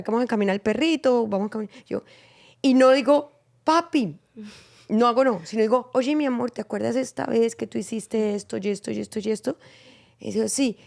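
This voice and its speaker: A woman hosting a faith-based conversation, telling stories in an animated way and acting out the dialogue she quotes. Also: fairly high pitch, vocal fry. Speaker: podcast host.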